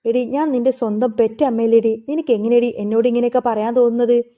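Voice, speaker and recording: A woman's voice: fairly high pitch, steady tone, fast talker, close to an everyday voice. A woman voicing a proud, bedridden middle-aged mother who scolds sharply. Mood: scolding. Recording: phone-like narrow sound.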